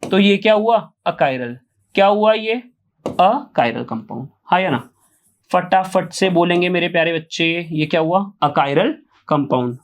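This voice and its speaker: A man teaching chemistry online, repeating each question to his students and answering it himself, often asking yes or no. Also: sits high. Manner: coaxing, keeps asking yes or no. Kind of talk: online exam-prep lecture.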